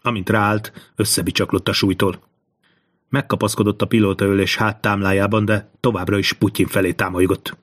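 A man narrating a thriller audiobook in a slow, measured reading. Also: fairly low pitch, level tone, fairly bright tone, slightly rough.

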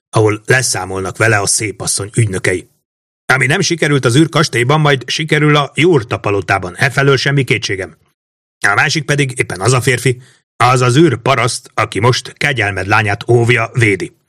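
A man voicing a scheming mage who lays out his plans in a measured, lecturing way, read as an audiobook. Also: medium pitch, a bit bright, no echo, clean studio sound, natural voice. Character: scheming male mage, calm cold schemer. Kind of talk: audiobook reading.

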